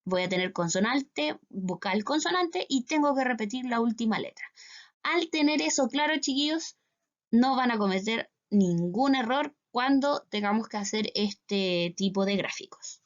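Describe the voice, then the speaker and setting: A woman's voice: a little high, expressive, unhurried, lo-fi sound. A Chilean woman teaching English to schoolchildren in a recorded class, explaining step by step and often checking with "¿cierto?". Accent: Chilean Spanish.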